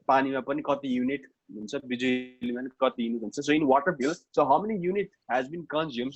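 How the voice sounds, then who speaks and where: A man's voice: mid-range voice, slightly rough, dry recording. A man with a Nepali accent teaching an online lesson informally, often repeating himself and checking in with short tags. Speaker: math teacher. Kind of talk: online lesson, explaining informally with code-switching. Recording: dull lo-fi online class audio.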